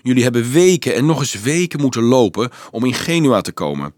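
A man's voice: medium pitch, lively intonation, fairly quick, darkish tone, no echo, studio quality, pitched above the performer's own voice, close to an everyday voice. A man reading an earnest teenage boy who hesitantly, then urgently explains things to a crowd of children, in an audiobook.

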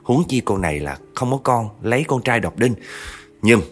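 A man narrates a true spooky story from his family, chatting casually and often speaking straight to the listeners. His medium-pitched voice is animated and at normal speed, with soft music in the background.

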